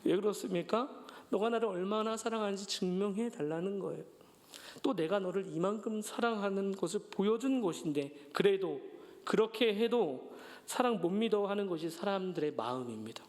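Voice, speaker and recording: A male pastor with a notably high voice preaches to his congregation. He tells everyday stories and acts out the lines of the people in them, with light humor along the way. It sounds like a church sermon. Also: normal speed. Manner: storytelling with acted-out quotes and gentle humor. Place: church sanctuary.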